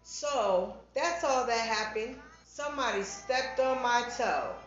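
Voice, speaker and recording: A woman's voice: on the high side, slow, soft background music. A woman co-hosting a podcast in casual chat. She talks bluntly and insistently, pressing with rhetorical questions. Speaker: podcast co-host. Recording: very echoey, dull podcast audio.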